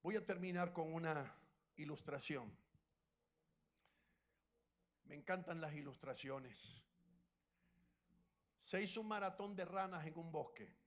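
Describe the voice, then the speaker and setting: Impassioned high-voiced male preacher. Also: measured pace. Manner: impassioned, building to shouts. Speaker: pastor. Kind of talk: sermon. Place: church conference.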